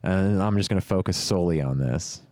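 A man's voice: deep voice, brisk, darkish tone, no echo, studio quality. A man in his thirties hosting a podcast, chatting in a laid-back way and swearing freely. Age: 30s. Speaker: podcast host. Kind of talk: casual podcast chat.

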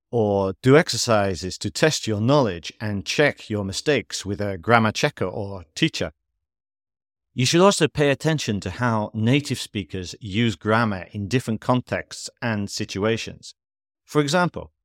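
A man teaching English in a scripted podcast lesson, reading at a steady, measured pace and spelling out examples clearly. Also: fairly low pitch, no echo, clean studio sound.

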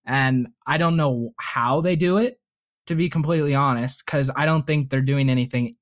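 A man's voice: medium pitch, moderate pace. A young man with a slight lisp hosting a casual gaming podcast, chatting loosely with lots of fillers. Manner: laid-back, filler-heavy, laughs often. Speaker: podcast host.

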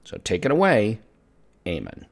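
A man's voice: fairly low pitch, wildly swooping pitch, moderate pace, vocal fry, full character voice. A man playing an earnest, friendly news host in a scripted fantasy radio broadcast.

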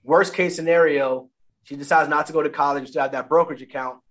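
A man's voice: a little high, steady tone. A man and new father chatting casually about family money, talking loosely and correcting himself as he goes. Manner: fast, loose, self-correcting. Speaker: guest, father.

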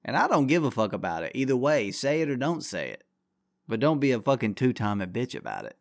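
A man hosts a solo podcast in a gravelly mid-range voice with big pitch swings, speaking a little fast. His rant is crude, rambling, and combative, packed with constant swearing, recorded at studio quality with no echo.

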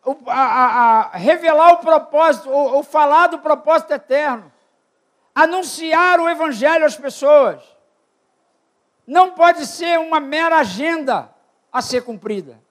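An older man preaching a sermon at a church retreat, asking the congregation questions and calling for amens. He swings between loud shouted peaks and low quiet asides. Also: unhurried.

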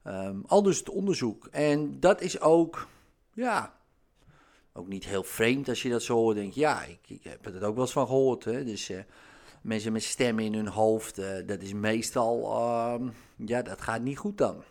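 A man talking casually in a monologue, animated, with many fillers and sudden rises in pitch when excited. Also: a little slow, gravelly.

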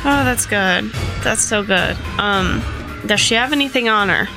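A woman's voice: mid-range voice, measured pace, rough recording. A woman playing a tabletop role-playing game, chatting casually about her moves, with music behind her.

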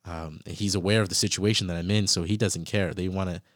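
Young man, low-ish voice, earnest animated storytelling, quotes his own thoughts, dry close sound. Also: quick pace, no echo. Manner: references scripture while reflecting. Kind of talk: casual personal storytelling.

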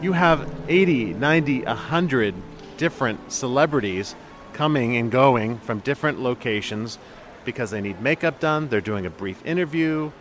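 A man describing hectic days at his hotel in a lively way. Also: mid-range voice, moderate pace, a little hiss or hum. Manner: lively, animated. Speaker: hotel manager interviewee. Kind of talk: interview clip.

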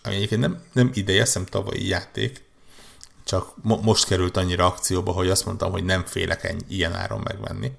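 A man's voice: deep voice, fairly even intonation, gravelly, fairly bright tone. A man on a podcast, chatting casually about video games, rambling with many restarts and repeated words. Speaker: podcast co-host. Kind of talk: casual gaming chat.

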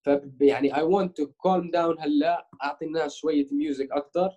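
A man's voice: on the high side, steady tone, brisk, warm tone, muffled recording. A young man with a Jordanian-Palestinian Levantine Arabic accent, chatting casually as an interviewed musician and mixing in English words. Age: young adult.

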